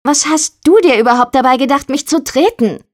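A woman's voice: on the high side, expressive, moderate pace, close to an everyday voice. Woman playing a snippy, stubborn young woman. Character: sharp-tongued defiant young woman, boat builder's daughter.

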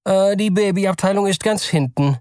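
A man's voice: darkish tone, clean tone, no room sound, clean studio sound, close to an everyday voice. A man reading aloud, voicing a polite and curious male shop salesman in a raised, fussy voice. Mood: polite puzzled. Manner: high, slow, politely puzzled.

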